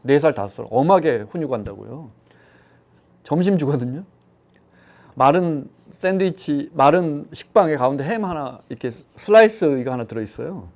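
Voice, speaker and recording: A man's voice: a little high, moderate pace. Middle-aged guy on a talk panel, telling stories, does little voices for the quotes. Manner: storytelling, animated quoting of others. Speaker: economics show panelist. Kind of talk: casual chat.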